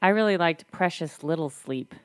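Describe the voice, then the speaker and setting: A young woman talks easily about parenting in a lowish voice. Her tone is affirming, and the recording is dry and close, with no room sound. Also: normal speed, clean tone, no room sound. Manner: easygoing, affirming. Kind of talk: casual chat about parenting.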